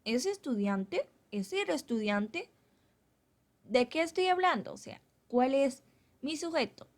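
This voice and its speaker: A woman teaching a Korean grammar lesson, explaining slowly and carefully. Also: high voice, expressive, darkish tone. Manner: slow, carefully spelled-out explanations.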